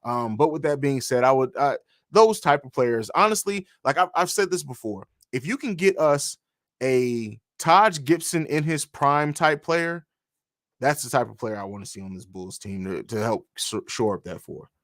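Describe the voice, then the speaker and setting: A man in his own home setup hosts a live stream, reading out viewer questions and answering them in a loose, conversational way. His voice sits at a middle pitch. The sound is dry and close, with no room echo. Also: animated, moderate pace. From grew up in Italy and Germany. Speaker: podcast host. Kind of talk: casual live-stream chat.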